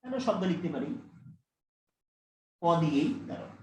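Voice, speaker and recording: A man lecturing a college class, explaining slowly, repeating key terms and putting questions to his students. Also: on the high side, expressive, a little mellow, echoey room.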